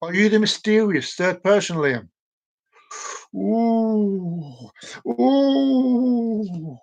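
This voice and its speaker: A man's voice: high-pitched, expressive, extremely slow, vocal fry, darkish tone. A man in his forties hosts a live stream and talks straight to his viewers. He rambles playfully, repeats words and phrases, and keeps the chat loose and casual. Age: 40s.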